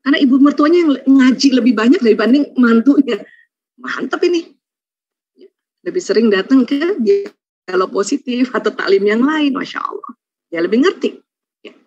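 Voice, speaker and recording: Lively woman giving a religious talk. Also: on the high side, moderate pace, pauses often, dry recording. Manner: lively, acts out quoted voices, laughs often. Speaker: speaker at an Islamic study program. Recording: dull, dry lo-fi sound.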